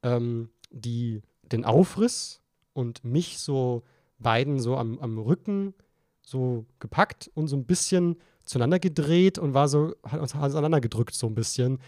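Ein junger Mann, der als Co-Host eines Podcasts angetrunken und sprunghaft erzählt, mit vielen Neuanfängen. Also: male voice, mid-range voice, animated, unhurried, darkish tone, no echo, clean studio sound. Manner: rambling, tipsy storytelling with frequent restarts. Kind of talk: casual chat.

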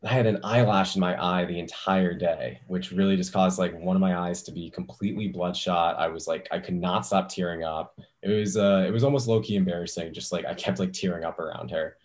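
A man's voice: sits low, fairly even intonation, brisk, hardly any pauses. A young man hosting a podcast, talking in an easygoing way with lots of fillers and restarts. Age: young adult. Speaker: podcast host. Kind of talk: casual chat.

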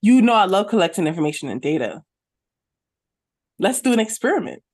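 A woman's voice: mid-range voice, very animated, fairly quick, a little mellow, husky. A woman co-hosting a podcast in casual, slangy banter, often checking that the listener follows. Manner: slangy, conversational, peppers talk with check-in questions. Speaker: podcast co-host.

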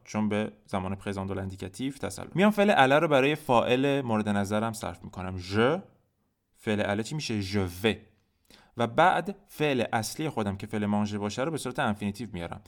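A man teaching a podcast language lesson, explaining patiently and slowing down to spell out each example phrase. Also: lowish voice. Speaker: French teacher. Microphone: podcast microphone.

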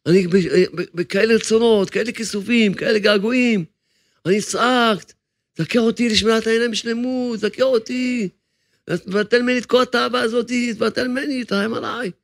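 A man lifts his voice high into a desperate departed soul, pleading with the angels. It piles vow upon vow in a strained, raised tone, begging to be returned. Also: fairly even intonation, a bit bright. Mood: yearning. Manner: pleading, vowing again and again.

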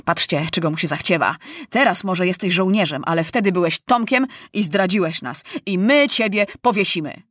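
A woman's voice: on the low side, normal speed, a bit bright, dry recording, clean studio sound. A woman voicing an angry enemy army officer in a storybook reading, scolding and threatening.

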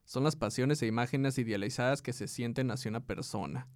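A laid-back man with a Mexican Spanish accent chats on a podcast at an ordinary mid pitch. He reads definitions aloud in an easy, joking way. The sound is dry and close to the mic. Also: a little fast, no room sound. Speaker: podcast co-host. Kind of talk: casual chat.

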